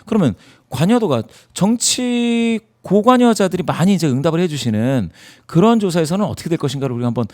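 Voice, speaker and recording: A man's voice: fairly high pitch, lively intonation, brisk, hardly any pauses, dark tone. A man in a studio interview, explaining poll data emphatically and asking himself rhetorical questions. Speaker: poll analyst guest.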